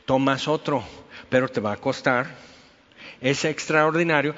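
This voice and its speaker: A man's voice: fairly high pitch, sharp tone, long reverb tail, highs cut off. A man, preaching a sermon in a conversational way, with anecdotes and rhetorical questions. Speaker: pastor.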